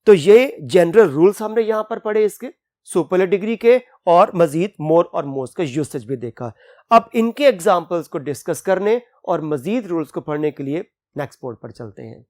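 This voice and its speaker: Woman teaching grammar, low-pitched. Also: animated, mellow. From Pakistan. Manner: reads English rules out slowly and deliberately, then explains in Urdu. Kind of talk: classroom lecture.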